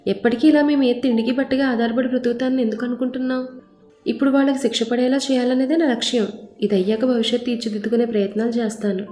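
A woman's voice: a little high, fairly even intonation, fast talker, reverberant, soft background music, lightly acted. A woman storyteller voicing a defiant, angry young woman who answers back sharply. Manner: sharp, indignant retorts.

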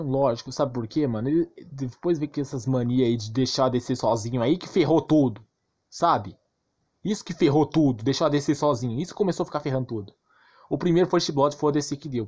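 A Brazilian-accented gaming YouTuber with a mellow, husky mid-range voice delivers ranting, casual commentary on a game. He's crude and slangy, repeats himself emphatically, and keeps asking rhetorical questions.

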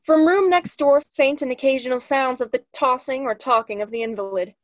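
A young woman with a high-pitched voice reads a play's stage directions as scripted narration at a brisk pace. She's in a small room at home on a video call, and there's no echo.

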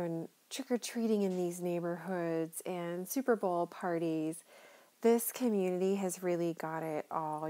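A middle-aged woman narrates a neighborhood driving tour from inside a car. Her voice is mellow and warm, and her manner is chatty and enthusiastic. She talks like a friendly local guide. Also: fairly low pitch.

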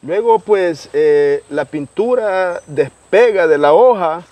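A middle-aged man with a Salvadoran accent, plainly and haltingly explaining work as a guide, recorded outdoors. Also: high-pitched, lively intonation, mellow, no room sound. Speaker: guide, indigo farm worker. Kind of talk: informal explanation in an interview. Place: outdoors on a rural hacienda. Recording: outdoor recording with faint background noise.

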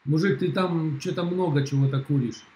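A man's voice: fairly high pitch, normal speed, warm tone, poor audio. A middle-aged man on a video call at home, arguing in a blunt, mocking, dismissive way. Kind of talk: heated casual argument.

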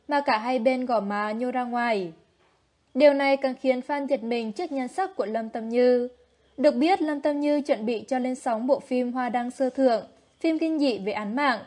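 A woman with a somewhat high voice narrates entertainment gossip news. Her delivery is steady and even, read from a script.

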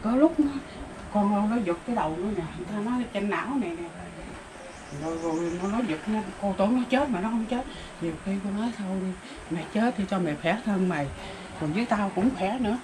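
A woman's voice: mid-range voice, lively intonation, fast talker. An older woman with a Southern Vietnamese accent, rambling through her story in plain, exclamation-filled talk. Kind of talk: casual rural storytelling. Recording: noticeable background noise.

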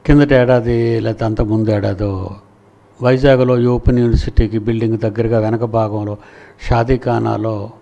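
Gravelly preacher man. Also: fairly low pitch, fairly even intonation, normal speed, warm tone, highs cut off. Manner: storytelling, acts out nursery rhymes in sing-song voices. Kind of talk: sermon.

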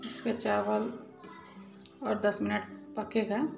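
A woman hosting a cooking channel, talking viewers calmly through a recipe step by step in a voice-over. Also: medium pitch, slow pace, creaky. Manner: calm step-by-step explaining, addresses viewers as friends. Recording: echoey room with music behind.

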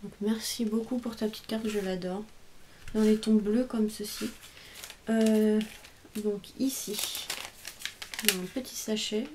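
A woman hosts a homemade craft video, gushing in a casual, chatty way as she shows off each card and stamp. Her voice is soft and mellow. A faint hiss runs under the home recording. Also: mid-range voice, steady tone. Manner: chatty, gushing over each item, reads English phrases haltingly. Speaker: craft channel host opening mail. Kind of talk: casual unboxing chat.

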